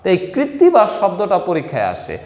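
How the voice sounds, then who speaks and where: Guy teaching spelling, high voice that jumps around a lot, room echoes loud. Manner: lively, addresses viewers directly, repeats words slowly. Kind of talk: spelling lesson to camera. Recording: echoey room with long reverb.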